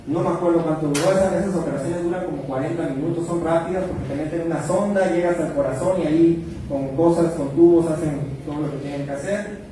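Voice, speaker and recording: A man's voice: fairly high pitch, fast talker, background noise. A man, a pastor telling a personal testimony in a sermon, recorded from a distance in a church hall with music behind. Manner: storytelling, animated when acting out quotes.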